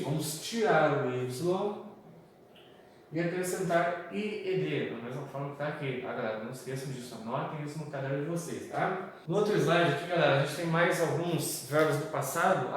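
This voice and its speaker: A man's voice: on the high side, recorded from a distance. A man teaching a lesson from slides in a chatty way, with a Brazilian Portuguese accent, often checking in with his students. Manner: chatty, repeats "galera" and "tá?". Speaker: English teacher. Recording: echoey room, voice off-mic, faint background noise.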